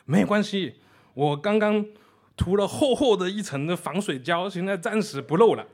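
A man playing a calm German man with no idea what the fuss is about, unhurried and matter-of-fact. His voice sits a bit high and lifts lively as he explains, even while the other side panics. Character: calm, puzzled German man living abroad.

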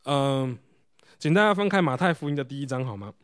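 A man's voice: mid-range voice, expressive, fairly quick, clear, resonant tone. A male preacher giving a sermon, explaining pictures and often asking the congregation rhetorical questions. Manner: explains while showing photos.

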